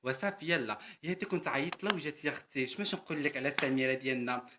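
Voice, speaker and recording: A man's voice: mid-range voice, racing, noisy background, lightly acted. A man with a Moroccan Arabic accent voicing a boastful, chatty housemaid woman in a comedy sketch, who keeps calling the listener sister. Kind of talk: comedy character monologue.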